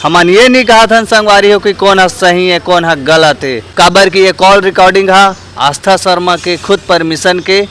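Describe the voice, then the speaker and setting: With few pauses and at normal speed, a man with a high, somewhat bright voice hosts a vlog over slight background noise. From Chhattisgarh, India, and speaking with a Chhattisgarhi accent, the street interviewer earnestly treats viewers as friends as he puts public opinion questions forward.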